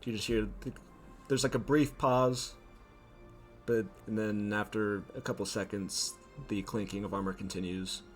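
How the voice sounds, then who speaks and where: A man narrating a tabletop game as game master, setting scenes in an unhurried, descriptive way with frequent ums. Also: fairly low pitch, fairly even intonation, soft background music.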